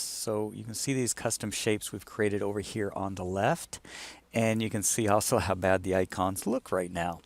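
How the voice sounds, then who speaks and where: A man with a lowish, creaky voice talks informally through an on-screen demonstration, thinking aloud as he goes. He's a client explaining a design project during a casual screen-share walkthrough.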